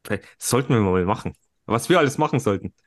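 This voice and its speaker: A man's voice: lowish voice, animated, quick pace. A man co-hosting a podcast in casual chat, with a dry, teasing sense of humor. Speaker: podcast co-host.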